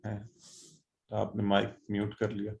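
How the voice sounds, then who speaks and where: A man teaching an online Quran and Arabic class over a video call, encouraging and drilling students by slowly repeating Arabic words. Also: on the low side, monotone, creaky, a little mellow, highs cut off.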